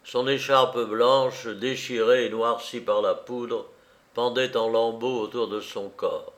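A man reading a novel aloud as a narrator, measured and deliberate. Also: medium pitch, steady tone, fairly bright tone. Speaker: audiobook reader.

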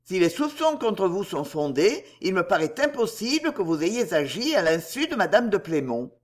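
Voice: mid-range voice, big pitch swings. Lecteur jouant un magistrat âgé, formel, mesuré. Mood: formal. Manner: measured, formal. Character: older male magistrate, kind but stern.

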